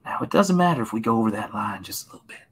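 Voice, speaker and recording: A man from Tennessee giving a gentle, encouraging painting lesson on a live stream, often dropping to a hushed whisper. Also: lowish voice, animated, racing, breathy edge. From Tennessee, USA. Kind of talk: soothing painting-show patter, live stream.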